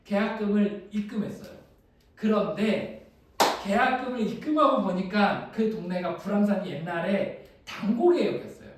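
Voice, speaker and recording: A male pastor giving a sermon and telling a personal story, sometimes animated and sometimes dropping to a hushed voice. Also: high voice, normal speed, slight background noise. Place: small church room. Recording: echoey room picked up from a distance.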